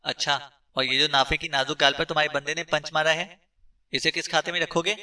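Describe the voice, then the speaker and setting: A man's voice: fairly high pitch, little pitch movement, brisk, pushed and bright, recorded from a distance. A man doing a cocky, smug young captive. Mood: taunting. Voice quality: teasing, smug.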